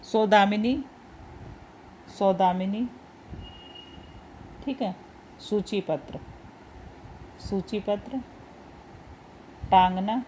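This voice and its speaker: A woman's voice: mid-range voice, extremely slow, long pauses, warm tone, a little hiss or hum. A woman teaching a Hindi spelling lesson. She says each word, repeats it, and patiently points out which ones are important.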